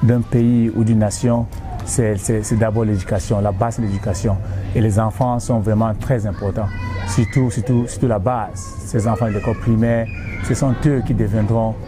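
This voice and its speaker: A young man from northern Cameroon answering interview questions haltingly, with many fillers and repeated words. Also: lowish voice, fairly even intonation, music in the background. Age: young adult. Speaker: donor interviewed. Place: outdoors at a school.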